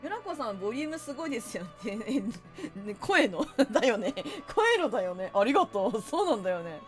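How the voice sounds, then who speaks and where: Animated Kansai-accented woman streamer. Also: a little high, a little fast, music in the background. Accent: Kansai Japanese. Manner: chatty, reads viewer comments aloud, playful and animated. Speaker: VTuber game streamer. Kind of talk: casual live-stream chat while gaming.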